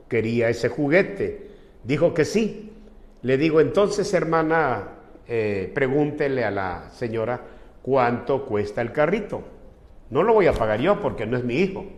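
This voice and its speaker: A man preaching as a pastor, explaining earnestly and retelling a visit with quoted dialogue. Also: mid-range voice. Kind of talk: sermon with personal anecdotes. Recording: echoey hall with long reverb.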